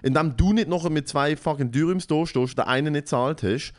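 A man's voice: fairly high pitch, a little fast. Young Swiss German man telling a rant. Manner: animated storytelling, acting out quotes, lots of swearing. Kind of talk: casual chat.

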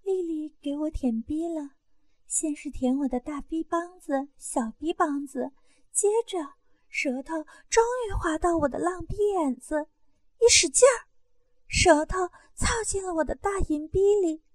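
A woman with a very high voice narrates a first-person erotic story, with breathless moaning cries between her lines. The sound is dry and close, with no room around it. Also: a little slow, darkish tone, no room sound.

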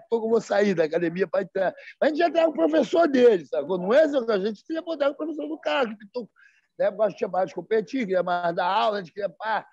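A man's voice: high-pitched, darkish tone, dry recording. A man telling stories in casual slang, acting out the quoted dialogue in livelier voices. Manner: slangy, peppered with "sacou" and "né, cara". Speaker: guest. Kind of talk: casual storytelling. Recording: dry, slightly dull sound.

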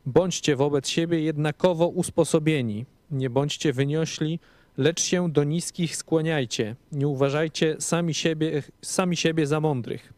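A man reads scripture in a measured, phrase-by-phrase manner. His voice sits somewhat high for a man, recorded close and dry with no room sound. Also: darkish tone, no room sound. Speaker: scripture reader. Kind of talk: scripted Bible reading.

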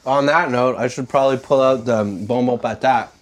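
A man's voice: mid-range voice, fairly even intonation, a little fast. A man from Quebec co-hosting a casual chat, easygoing and rambling, with many fillers. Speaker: co-host.

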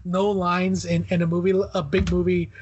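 A man's voice: sits high, monotone, normal speed, highs cut off, slight background noise. A man co-hosting a podcast, rambling casually about a movie with many fillers and restarts. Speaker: podcast co-host.

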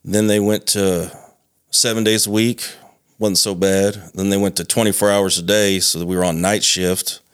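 A man in his thirties talking casually as a podcast guest, relaxed and swearing freely. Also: low voice, normal speed, clean tone, dry recording, clean studio sound. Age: 30s. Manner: laid-back, swears casually.

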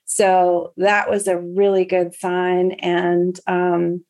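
A woman's voice: lowish voice, completely flat delivery, extremely slow, darkish tone. A woman guest recounting a family medical story in an earnest, heartfelt way, with frequent fillers and restarts. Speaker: interview guest, patient's wife. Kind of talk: personal storytelling.

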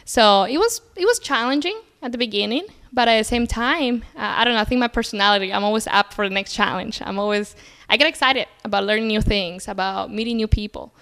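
Young woman from Colombia, native Spanish speaker, smooth resonant voice, upbeat guest. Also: a little high, a little fast, fairly bright tone. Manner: upbeat, positive, frequent fillers. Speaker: podcast guest. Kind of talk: casual interview conversation.

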